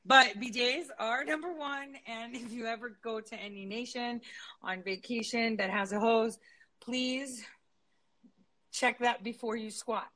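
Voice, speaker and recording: A woman's voice: on the high side, steady tone, a little slow, fairly bright tone, low-quality recording. A young woman in casual chat, telling a story full of swearing and bursts of laughter.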